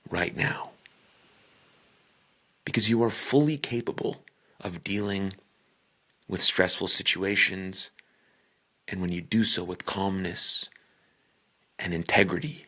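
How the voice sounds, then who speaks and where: A podcaster guides a meditation at a very slow pace, his low voice creaky, husky and breathy. He offers short, calm phrases separated by deliberate pauses.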